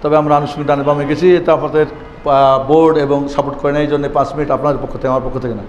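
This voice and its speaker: A man teaching Quran reading to a class, asking pointed rhetorical questions and chanting letters and verses in drawn-out tones. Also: a little high, little pitch movement, dull audio. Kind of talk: classroom lesson. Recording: echoey room with long reverb, faint background noise.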